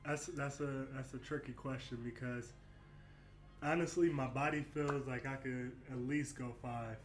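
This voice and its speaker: Man in his late twenties, candid, reflective, mid pitch, echoey room, faint music. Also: steady tone, unhurried. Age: 20s. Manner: candid, reflective, lots of "you know what I mean". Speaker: basketball player guest. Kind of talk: casual interview chat.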